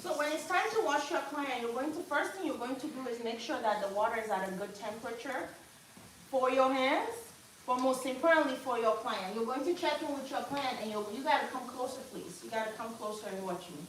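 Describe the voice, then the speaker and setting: A woman's voice: sits high, fairly quick. A woman hair care instructor teaching a live hands-on demonstration at a salon wash sink, chatty and coaching. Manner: coaching, chatty, turns loud and upbeat when excited. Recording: very echoey room, distant mic, faint noise.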